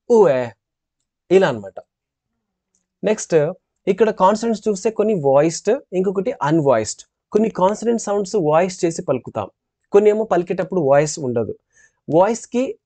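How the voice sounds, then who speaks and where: A man with a Telugu accent giving a step-by-step phonetics lecture, repeating sample sounds slowly. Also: high-pitched, mellow, no room sound. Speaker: English teacher.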